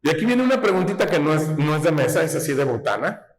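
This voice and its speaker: A man preaches a sermon in a folksy teaching tone, often asking rhetorically whether his listeners follow him. His voice is a little high and very animated, and he talks fast. The recording has the echo of a hall.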